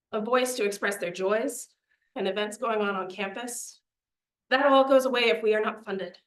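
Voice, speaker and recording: Earnest young woman pitching a budget. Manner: earnest, persuasive, a little out of breath. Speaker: student media presenter. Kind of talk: budget presentation to a committee. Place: meeting room. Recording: echoey meeting room.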